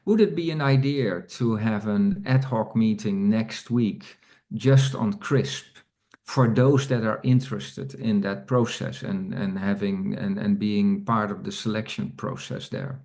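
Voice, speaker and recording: A man's voice: lowish voice, a little slow, vocal fry, a little mellow. A man hosting an online community meeting over a video call, speaking hesitantly with many fillers and restarts. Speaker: meeting host.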